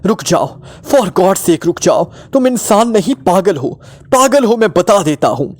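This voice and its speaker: A man's voice: high-pitched, lively intonation, moderate pace, mellow, voice pushed up. A man voicing a panicky one-eyed male villain held captive, who shrieks and pleads. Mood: screaming.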